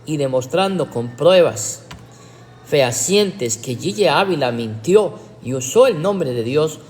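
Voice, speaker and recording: A man's voice: on the high side, lively intonation, slow, a little mellow, long reverb tail, slight background noise. A man, a pastor, preaching a livestreamed teaching sermon in a sarcastic way, with emphatic rhetorical questions.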